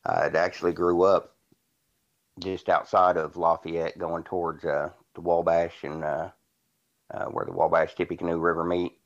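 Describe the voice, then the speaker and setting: A man in his forties from Indiana speaks in a very low voice, telling his story casually and rambling with fillers and restarts. His audio sounds dull and lo-fi, as over a call. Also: little pitch movement, normal speed. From Indiana, USA. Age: 40s. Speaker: podcast guest.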